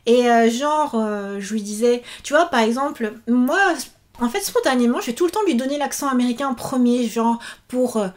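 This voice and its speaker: A woman in her thirties chatting casually to camera in a vlog, animated and full of fillers. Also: a little high, normal speed. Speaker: YouTuber and author.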